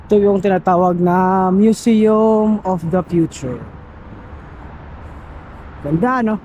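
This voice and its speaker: A man's voice: sits high, slow, a little mellow, highs cut off. A Filipino man hosting a casual vlog outdoors, chatting to viewers in slangy, exclamatory bursts. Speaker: vlogger and host. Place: outdoors in a city. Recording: noisy outdoor recording with traffic ambience.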